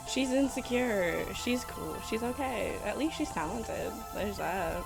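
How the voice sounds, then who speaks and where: A woman's voice: on the high side, expressive, slow, gravelly, rough recording. A woman chatting casually as a makeup vlogger, blunt, sassy and self-mocking in her reactions and tips. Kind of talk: casual reaction and tutorial chat. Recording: music playing behind the voice.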